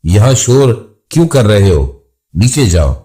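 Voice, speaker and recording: Innocent five-year-old boy in a horror reading, chattering, lively tone, slow, read by a male narrator. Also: fairly low pitch. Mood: earnest.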